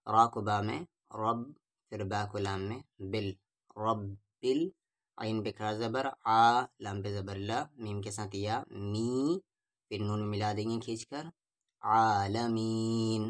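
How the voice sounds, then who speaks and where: A man teaching Quran reading with tajweed, spelling out syllables one at a time and then reciting each verse slowly and drawn out. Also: on the low side, little pitch movement.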